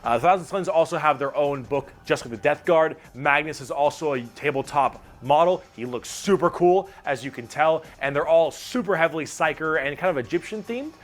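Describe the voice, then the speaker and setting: A man's voice: on the high side, a little fast, hardly any pauses, soft background music. A man streaming, casually explaining game lore in a loose, profane way and reading chat messages aloud.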